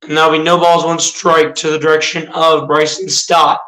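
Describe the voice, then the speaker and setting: On his own livestream, a young man does amateur play-by-play, calling the game pitch by pitch and chatting with viewers between calls. His fairly high voice is bright but slightly rough, and his delivery is flat at a moderate pace. The room is echoey.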